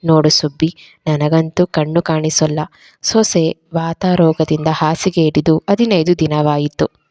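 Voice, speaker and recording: Woman narrator voices an old, half-blind grandmother pleading for help; low and mellow. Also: fairly even intonation, unhurried, no echo, clean studio sound. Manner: pleading, complaining.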